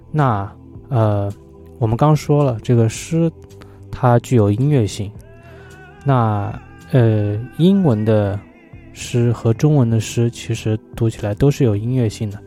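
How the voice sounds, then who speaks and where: A man talking on his own about poetry in a relaxed, thoughtful way, often pausing on fillers as he thinks aloud. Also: on the low side, soft background music. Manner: thoughtful, hesitant, many fillers. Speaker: vlogger. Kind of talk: casual solo talk about poetry.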